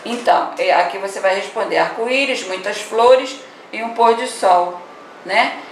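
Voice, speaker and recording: A woman's voice: mid-range voice, a little slow, a little hiss or hum. A woman teaching a primary school reading lesson, patiently explaining and often checking in with the children. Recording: echoey room, mic far off.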